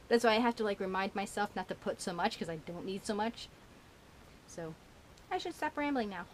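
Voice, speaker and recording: A woman's voice: mid-range voice, animated, fairly quick, slight background noise. A woman vlogger chatting casually about her shopping haul, giggling often and rambling with lots of fillers, her tongue a little burnt. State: burnt tongue, slightly slurred. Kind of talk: casual rambling chat to camera.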